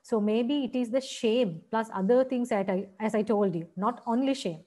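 Explaining point by point and often asking "right?", a Sri Lankan-accented woman leads a teacher-training seminar as its lecturer. Her voice is a little high and mellow, and she speaks at a moderate pace.

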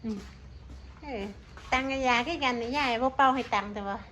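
A woman's voice: high voice, a little fast, pushed and bright, slight background noise. A woman with an Isan Thai accent, chatting casually and coaxing her pets in a sing-song voice. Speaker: pet vlogger.

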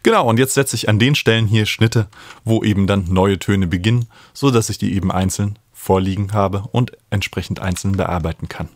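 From a small indoor home studio, a thirtysomething man who hosts and teaches music production talks through steps at a normal speed in a voice on the low side. The close studio microphone on a stand picks up no echo.

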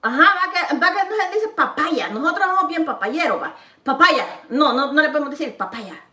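A woman's voice: sits high, animated, normal speed, bright, forceful tone, reverberant, far from the mic. A woman from El Salvador with a Salvadoran Spanish accent, chatting playfully to viewers while cooking in her home kitchen. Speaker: vlogger. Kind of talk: casual cooking vlog chat.

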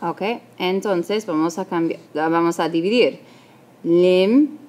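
A woman's voice: on the low side, measured pace, a little mellow. A woman teacher narrating a recorded video lesson, patient and step by step, correcting her own slips aloud.

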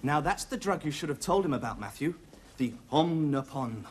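A man's voice: fairly high pitch, animated, moderate pace, close to an everyday voice. An actor playing a cheeky, exasperated airman working as a hospital orderly in a sitcom. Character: put-upon airman orderly, cheeky and flustered. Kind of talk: 1970s sitcom acting. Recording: noisy TV recording with audience laughter.

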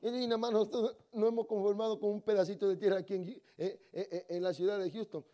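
A man preaching a lively sermon in a church, telling funny stories and moving between quiet asides and loud calls to the congregation. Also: high voice, fast. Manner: storytelling, swings between soft asides and loud exhortation. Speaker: guest preacher. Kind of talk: lively Spanish-language sermon with humorous anecdotes. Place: church sanctuary.

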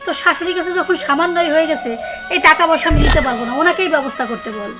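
A woman's voice: sits high, rapid-fire, natural voice. An actress playing a wealthy, scornful mother-in-law who scolds in a family drama. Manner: scolding, haughty. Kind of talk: social drama acting. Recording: music bed behind voice.

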